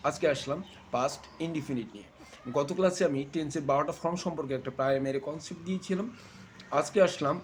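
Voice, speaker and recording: A man teaching an English tense lesson, slowly and deliberately repeating verb forms for the learners. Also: on the high side, a little hiss or hum. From Bangladesh. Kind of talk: spoken English lesson with drill repetition.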